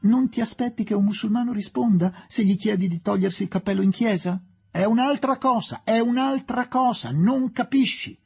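A man's voice: on the high side, measured pace, slightly rough, voice pushed up, full character voice. A man voicing an eager, argumentative young woman. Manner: excited and insistent.

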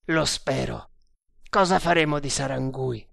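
A man voicing a brooding army captain who speaks in low, measured, commanding tones. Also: creaky, fairly bright tone, dry recording, clean studio sound.

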